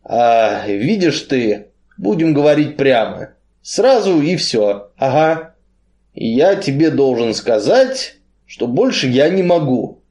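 A man voicing a big, heavy, gloomy strongman who talks bluntly in a muffled, slow way. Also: mid-range voice, big pitch swings, darkish tone. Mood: grim.

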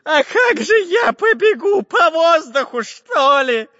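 Brief: shrieking wiry spy, very high and swooping, storybook audio. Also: male voice, very animated, slow pace, pushed and bright, heavily acted. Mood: puzzled. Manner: shrieking, wailing. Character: thin long-nosed male spy, shrill and whiny. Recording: dull lo-fi with long reverb.

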